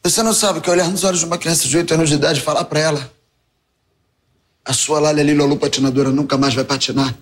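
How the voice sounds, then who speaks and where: A man's voice: on the high side, steady tone, fast, close to an everyday voice. A Brazilian man playing a distraught doctor in a medical drama parody, solemn and melodramatic. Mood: grave. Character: grave, distraught male doctor in a soap parody.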